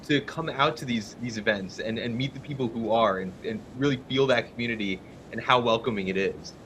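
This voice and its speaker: A man on a livestream panel speaking earnestly, often repeating words as he finds them. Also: fairly bright tone. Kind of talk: casual panel chat. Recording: noisy stream audio with rumble.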